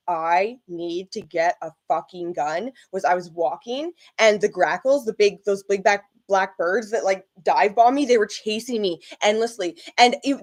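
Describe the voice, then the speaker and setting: Candid, swearing woman vlogger. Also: medium pitch. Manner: candid, swearing, rambling with fillers. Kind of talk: casual reaction commentary.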